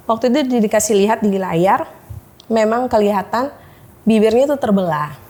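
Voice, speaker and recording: A woman's voice: fairly high pitch, lively intonation, moderate pace, a little mellow. A woman in her thirties telling her own hard story as an interview guest, hesitant, with many fillers, acting out what doctors told her. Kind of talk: emotional personal testimony.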